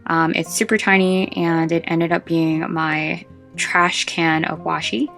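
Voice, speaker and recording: Woman chatting on a craft vlog, kinda out of breath, low croaky voice, light guitar music behind. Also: little pitch movement, unhurried, fairly bright tone. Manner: chatty and informal, meandering with asides. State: short of breath. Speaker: vlog host. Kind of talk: casual chat showing a craft collection.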